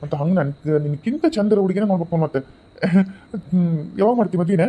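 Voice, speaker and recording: A man's voice: sits high, quick pace, slightly rough, muffled recording. A man with a North Karnataka accent voicing a doting, playful young husband in a cartoon who teases affectionately. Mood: teasing. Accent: North Karnataka Kannada. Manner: teasing, affectionate. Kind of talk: cartoon voice acting.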